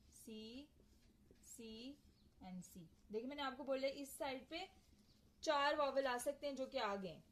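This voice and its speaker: A woman's voice: on the high side, a little hiss or hum, rough recording. A young woman teaching an English lesson, patiently explaining and often checking whether her students have understood. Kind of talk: classroom lecture mixing Hindi-Urdu and English.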